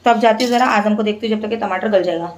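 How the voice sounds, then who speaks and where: A woman's voice: mid-range voice, rapid-fire, far from the mic. A young woman, chatting casually with her viewers while she cooks, venting and explaining as she goes. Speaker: family vlogger and mother of two. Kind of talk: casual chat while cooking. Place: home kitchen. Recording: echoey room, light background noise.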